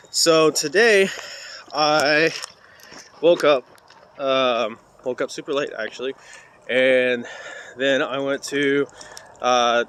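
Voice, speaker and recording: Guy filming himself on his phone on a hiking trail, chatty and rambly, mid-pitched voice, bit of outdoor hiss behind. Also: fairly bright tone. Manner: chatty, rambling, lots of "uh"s while walking. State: walking on a trail while carrying a heavy sandbag. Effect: recorded on a phone video outdoors. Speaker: vlogger and parkour coach. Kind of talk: casual talking-to-camera vlog. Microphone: cheap phone held while walking.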